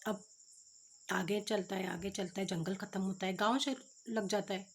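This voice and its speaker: A woman telling a story to young children, animated and speaking directly to them. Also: medium pitch, normal speed, breathy edge. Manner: animated, addresses young listeners.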